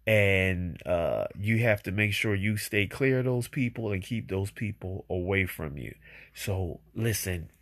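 A man's voice: low-pitched, a little slow, a bit bright. Laid-back man hosting a podcast. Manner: easygoing, rambling, many fillers and repeats. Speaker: podcast host. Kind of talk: casual solo podcast talk between songs.

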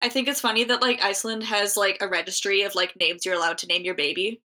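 A woman with a bright, forceful voice co-hosts a podcast in loose, casual chat. She rambles through her thoughts, stacking up "like" and restarting sentences as she jokes along. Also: mid-range voice, fairly even intonation. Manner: rambling, heavy use of "like", quick jokes. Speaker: podcast co-host.

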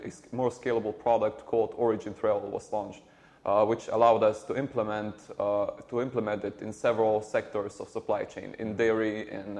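A man, a startup co-founder answering interview questions in a halting way with many repeated words. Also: on the low side, a little mellow. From Slovenia. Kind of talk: conversational interview.

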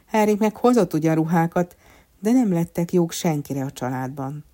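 A woman narrating a children's storybook in a measured, expressive way. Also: lowish voice.

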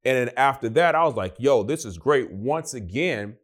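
A young adult man, appearing as a guest in a casual interview, tells his story with animation, acting out the voices of the people involved. His voice is medium-pitched and moderately paced.

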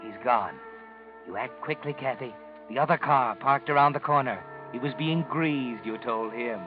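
The Whistler, voiced by a man, an ominous narrator who speaks straight to the killer in a slow, measured way. It comes from a muffled 1940s radio broadcast with music playing clearly behind him. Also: medium pitch, natural voice. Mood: brooding. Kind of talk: second-person suspense narration.

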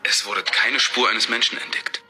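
A man narrating a scripted horror story in a measured storyteller voice. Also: lowish voice, fairly even intonation, bright, forceful tone, faint music behind.

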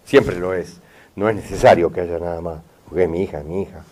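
A man's voice: deep voice, fairly even intonation, brisk, a little mellow. A middle-aged man with a River Plate Spanish accent, guiding a consultation and repeatedly checking that he is understood. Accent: Rioplatense Spanish. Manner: insistent, repeats "¿está bien?" and "mirá". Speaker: therapist giving a session. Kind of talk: consultation with an audience member.

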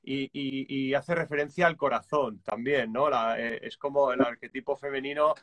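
Calm man explaining drum rhythms. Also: mid-range voice, moderate pace. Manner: calm and reflective, hesitant restarts, counts beats aloud. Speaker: guest musician and drummer.

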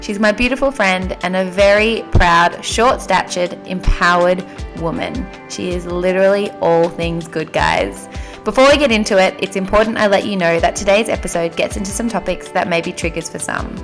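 A woman's voice: fairly low pitch, lively intonation, normal speed, faint music behind. A young woman with an Australian accent, hosting a podcast in a chatty, informal, teasing way. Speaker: podcast host. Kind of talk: casual podcast chat.

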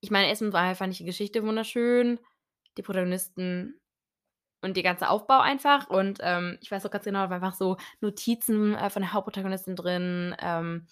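A woman's voice: medium pitch, a little fast, a bit bright, smooth. A young woman co-hosting a casual book podcast, chatty and teasing, with lots of fillers. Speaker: podcast co-host.

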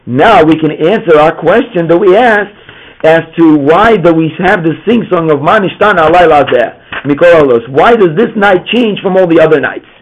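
Guy teaching a torah class, kinda high voice, muffled lo-fi recording, keeps saying "right?". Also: lively intonation, moderate pace. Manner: repeats words while searching, asks "right?" often. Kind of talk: informal class talk.

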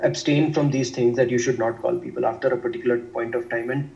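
A man's voice: medium pitch, fairly even intonation, fast talker, gravelly, darkish tone, recorded from a distance, highs cut off. A young man from India with a North Indian accent, talking conversationally as an interview guest in an explanatory, self-repeating way. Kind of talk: conversational discussion of work life.

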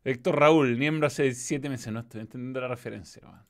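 A Chilean-accented football show host chats loosely on his stream, cursing as he reads messages from chat. He has a mid-range voice and talks a little fast.

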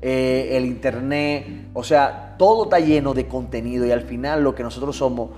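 A man's voice: medium pitch, normal speed, faint music behind. A man telling a personal story with great animation, acting out the voices of the people in it. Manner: lively, acts out voices in his anecdotes. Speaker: guest, TV producer.

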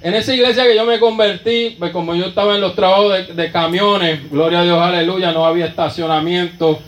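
A man's voice: high voice, steady tone, brisk, fairly bright tone, echoey room, low-quality recording. A man with a Puerto Rican Spanish accent preaching a sermon testimony in a church, fervent and constantly breaking into praise. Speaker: pastor.

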